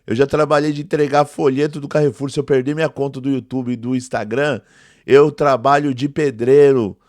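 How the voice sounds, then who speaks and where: A mid-range, slightly mellow voice with fairly even intonation and a moderate pace belongs to a theology teacher in his forties. Recorded at studio quality with no echo, he answers a critic directly to camera, emphatic and indignant, restating his points.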